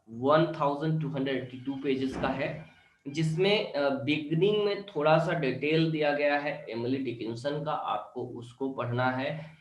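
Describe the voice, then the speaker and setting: A man's voice: mid-range voice, a little hiss or hum. Hindi-speaking male teacher, echoey room. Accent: Indian English. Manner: explains step by step, checks with "clear?". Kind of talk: online class lecture.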